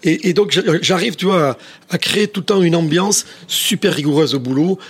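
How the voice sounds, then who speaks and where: A middle-aged chef from southwest France with a southwest French accent, telling stories in a rambling way with many restarts. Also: male voice, a little high, a little fast, husky. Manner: rambling, many restarts, says "tu vois" often. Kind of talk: casual interview storytelling.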